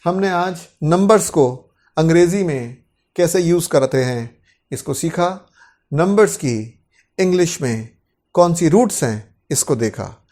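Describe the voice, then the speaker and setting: A man's voice: fairly high pitch, darkish tone. A man with an Indian accent teaching English vocabulary in a classroom-style lesson, carefully repeating each word twice for pronunciation practice.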